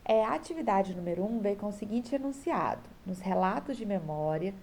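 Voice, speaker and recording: A woman's voice: medium pitch, animated, fairly quick, darkish tone, a little hiss or hum. Woman, Brazilian Portuguese accent, teacher, patient explaining, frequent check-ins, recorded at home. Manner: patient, checks in often with a tag question. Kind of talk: explaining homework corrections to pupils.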